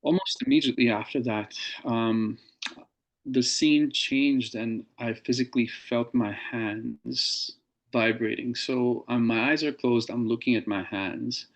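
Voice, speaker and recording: A man as an interview guest, recounting a personal experience in a measured, earnest way with pauses. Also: mid-range voice, fairly even intonation.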